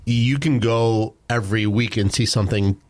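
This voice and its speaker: A man's voice: on the low side, steady tone, normal speed. A man co-hosting a podcast, chatting casually and bluntly, with frequent restarts. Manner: blunt, confident, many restarts. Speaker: podcast co-host. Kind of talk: casual chat.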